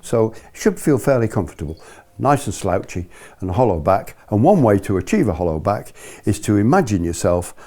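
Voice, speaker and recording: A man's voice: on the low side, sing-song, fairly quick, mellow. A British man giving an informal spoken lesson as a ski instructor, chatty and explanatory, checking in with his listeners.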